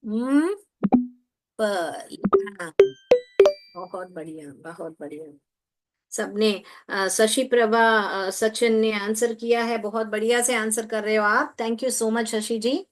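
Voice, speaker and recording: Slow, coaxing woman teacher. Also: fairly high pitch. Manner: coaxing, repeats prompts, spells letters aloud. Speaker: teacher trainer. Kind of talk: online teaching workshop.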